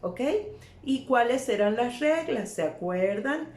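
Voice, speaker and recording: A woman's voice: a little high, lively intonation, takes it slowly, a little mellow. A woman teaching English grammar in an online lesson, explaining step by step and checking in with her students. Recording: echoey room, faint ambient noise.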